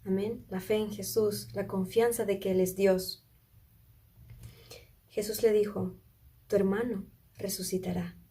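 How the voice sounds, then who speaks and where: A woman's voice: mid-range voice, fairly even intonation, measured pace, long pauses, warm tone, husky. A woman preaching a sermon, retelling a Bible story in an earnest way and often asking her listeners questions. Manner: earnest, asks listeners questions, small restarts.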